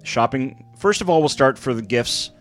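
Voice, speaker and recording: A man's voice: medium pitch, lively intonation, moderate pace, soft background music. A man chatting casually and irreverently as a podcast co-host. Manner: irreverent, sweary. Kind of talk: casual banter.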